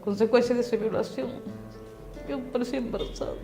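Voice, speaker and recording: A woman from Peru recounting her own past in an interview, speaking haltingly and with deep emotion. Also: fairly even intonation, music in the background, low-quality recording. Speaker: interviewee, survivor testimony. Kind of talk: personal testimony interview.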